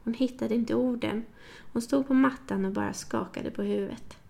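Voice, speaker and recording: A woman narrates a novel in a calm, even manner. Her voice sits a bit high for a woman and carries a gravelly, fry-textured grain throughout. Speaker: audiobook narrator. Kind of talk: scripted narration.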